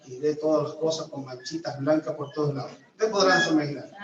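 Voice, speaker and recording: A man preaching a testimony from Venezuela, his voice a little high for a man and caught from across an echoey church hall. He tells his story in lively swings, with loud bursts and then quiet asides. The sound is dull and slightly muffled, with faint room noise behind. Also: far from the mic. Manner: animated storytelling, swings between loud outbursts and hushed asides. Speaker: pastor. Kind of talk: sermon testimony.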